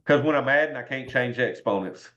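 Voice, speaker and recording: A man with a Southern US accent teaches an informal algebra lesson in an online video class, working through problems step by step in a folksy way and saying "y'all" often. His medium-pitched voice is a little fast and a bit bright, and the indoor class audio is dull and lo-fi.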